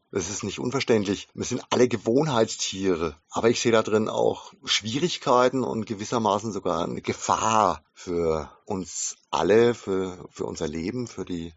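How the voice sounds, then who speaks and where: Reflective man with a husky voice. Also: fairly low pitch, dry recording, muffled recording. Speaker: game shop owner and podcast host. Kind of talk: casual spoken podcast monologue with book reading. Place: inside his shop.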